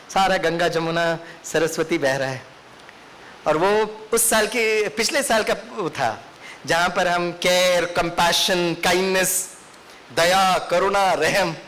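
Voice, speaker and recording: A man's voice: high voice, a bit bright. A man with an Indian accent giving a lecture to teachers in training, telling a story and putting questions to his audience. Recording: faint hiss.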